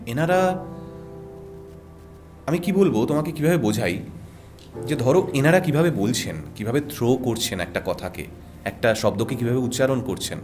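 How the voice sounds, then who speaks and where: Earnest Bengali radio voice artist man. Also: medium pitch. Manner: earnest, emphatic advice with rhythmic repetition. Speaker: radio jockey and voice artist guest. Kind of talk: podcast conversation.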